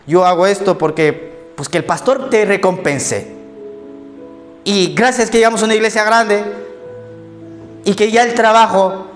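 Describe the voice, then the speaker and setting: A man preaching a sermon as pastor of a church, telling stories about himself with humor. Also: sits high. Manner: storytelling with self-mocking anecdotes and laughter. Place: church service.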